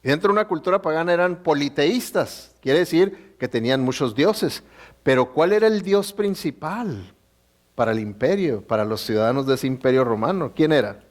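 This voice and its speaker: A man's voice: a little high, expressive, moderate pace. Man preaching with checking-in questions. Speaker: pastor. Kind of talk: sermon.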